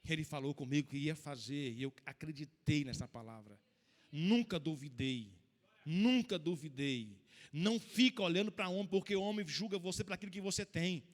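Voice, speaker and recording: A Brazilian pastor preaches in a church hall, recounting his own story with emotion and sharp swings in volume, building to loud, slow, emphatic lines. His voice is on the high side with fairly even intonation, and a long hall reverb trails each phrase.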